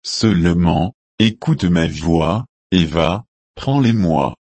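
A man voicing a scheming mother who urges her son on, in a slow, solemn reading. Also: low voice, expressive, darkish tone, no echo, exaggerated voice. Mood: firm.

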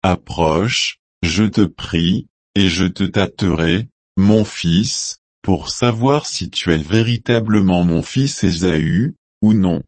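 A man voicing an old blind father giving his blessing, in a slow, solemn reading. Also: deep voice, dry recording.

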